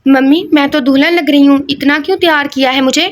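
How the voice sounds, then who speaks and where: A talkative, naive young woman in a storybook romance who rattles on innocently, voiced by a woman reader. Her voice is high and bright. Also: fairly even intonation, natural voice. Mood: chatty.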